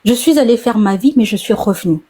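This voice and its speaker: A woman's voice: fairly high pitch, expressive, fast, mellow, breathy edge. A woman in her forties, calling in to a live talk, telling a personal story in a casual, hesitant way with many restarts. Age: 40s. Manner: hesitant, repeats words, then tells at length.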